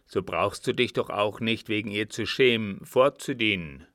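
Guy doing a gruff old field marshal, loud and blunt, swears a lot, low gravelly voice, slow, dry close sound. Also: no room sound. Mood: indignant. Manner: loud blunt outbursts and oaths.

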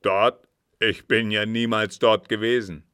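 A man's voice: on the low side, level tone, unhurried, a bit bright, clear, resonant tone, dry recording, studio quality. A man voicing a cunning disguised agent who feigns innocence with emphatic protests, in an audiobook reading. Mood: indignant.

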